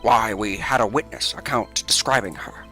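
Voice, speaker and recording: A man voicing an eager, blustering male police detective in a video game, loud and saying "sir" over and over. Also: lowish voice, normal speed, faint music behind.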